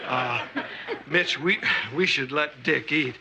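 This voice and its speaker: An actor playing a genial, simple-hearted handyman uncle in a 1980s sitcom, folksy and earnest. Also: on the high side. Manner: folksy, earnest, slow-spoken. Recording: noisy old TV sitcom audio.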